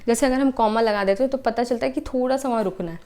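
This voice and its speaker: A young adult woman teaches an exam-prep lesson. She explains step by step, repeats her points, and often checks in with a quick "okay". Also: on the high side, warm tone.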